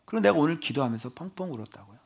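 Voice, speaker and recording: Male pastor, sermon, high voice, very animated, emphatic rhetorical questions. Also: racing, gravelly, breathy edge.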